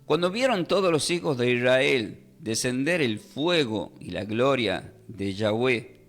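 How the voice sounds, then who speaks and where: Emphatic male radio preacher, mid-pitched voice, faint music in the background. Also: lively intonation, unhurried. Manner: emphatic, repeats and spells out words. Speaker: Bible teacher. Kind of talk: radio Bible class.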